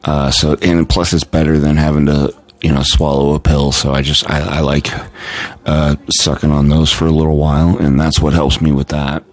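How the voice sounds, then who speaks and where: A man's voice: extremely low pitch, level tone, moderate pace. A tired man chatting casually on a live stream, rambling with many fillers and restarts. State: tired and yawning.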